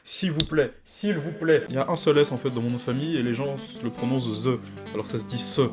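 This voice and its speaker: A man's voice: medium pitch, fast. Self-mocking young man over music. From Madagascar heritage. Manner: punchy, self-mocking delivery. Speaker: comedy YouTuber. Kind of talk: comedic monologue sketch. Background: background music.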